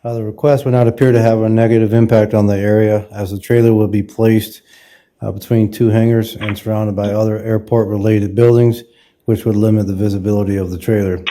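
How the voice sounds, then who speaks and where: A man, a city staff member, reads a staff report at a public meeting in a steady, formal way, his voice glitching and cutting out over a remote connection. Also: on the low side, fairly quick. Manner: steady, formal reading with occasional fillers. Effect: glitching audio, voice cutting out on a remote connection.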